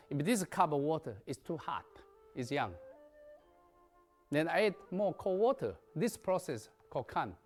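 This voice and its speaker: A native Chinese-speaking man gives a qigong lecture in emphatic, non-native English that drops articles and verbs. His voice is fairly high-pitched and a little mellow.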